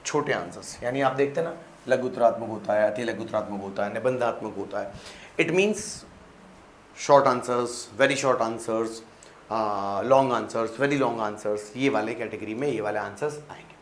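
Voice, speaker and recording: A man's voice: on the low side, a little slow. A man with a Rajasthani accent teaching a class, repeating each point, quizzing his listeners and mixing English phrases into his talk. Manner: mixes English phrases into Hindi; clears throat often. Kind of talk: classroom-style lecture. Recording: echoey room with faint background hum.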